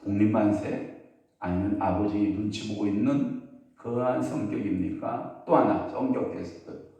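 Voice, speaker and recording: A man's voice: lowish voice, measured pace, creaky, warm tone. A man preaching as pastor at an early-morning sermon, telling stories and putting questions to the congregation. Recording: very echoey hall, voice from a distance.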